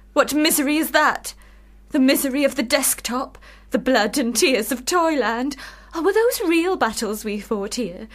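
An actress in a period radio drama playing a lovelorn, sharp-witted sister, speaking with formal, deliberate, cutting irony. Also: female voice, a little high. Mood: bitter scorn. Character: Charlotte Brontë, scornful, lovelorn, sharp-witted sister of failed poet.

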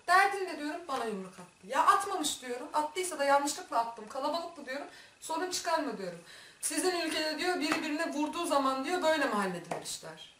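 A woman's voice: sits high, slight background noise. A woman vlogger telling a story, acting out the dialogue and laughing often. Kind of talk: animated storytelling. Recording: echoey room, mic far off.

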